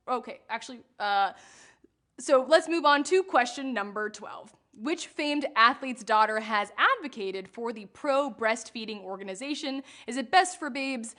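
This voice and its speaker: Bright, bubbly woman hosting live trivia. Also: on the high side. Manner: bubbly, jokey, laughs at her own puns. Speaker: trivia game show host.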